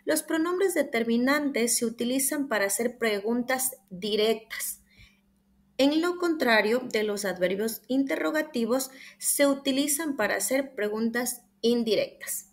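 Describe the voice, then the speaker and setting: A woman's voice: on the high side, lively intonation, unhurried. A young woman with an Ecuadorian Spanish accent gives a class presentation from slides. She explains step by step and reads the examples aloud. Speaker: student presenter.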